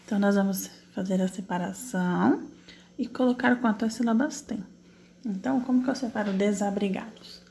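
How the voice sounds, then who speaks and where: Typing as she goes, a woman teacher spells out words in slow, drawn-out syllables while patiently correcting exercises for an online class. She asks questions and answers them herself step by step. Her voice is medium in pitch, a little mellow, with vocal fry, and there's a little hiss or hum.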